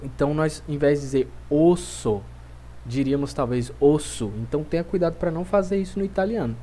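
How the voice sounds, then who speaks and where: A man with a Brazilian Portuguese accent teaching a pronunciation lesson, speaking clearly and repeating each word slowly for drilling. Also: a little high, dark tone, slight background noise. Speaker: language teacher.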